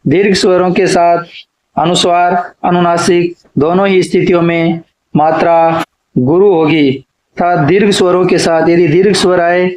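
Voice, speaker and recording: A man teaching an exam-prep lecture, stating each rule and then repeating it slowly, as if dictating notes. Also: sits high, steady tone, darkish tone, rough recording. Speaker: Hindi literature teacher.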